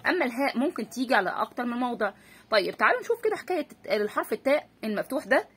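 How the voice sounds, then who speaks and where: A woman's voice: a little high, very animated, very fast, breathy edge. A woman teacher with an Egyptian accent, giving a patient spelling lesson for children and asking and answering her own questions. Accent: Egyptian Arabic.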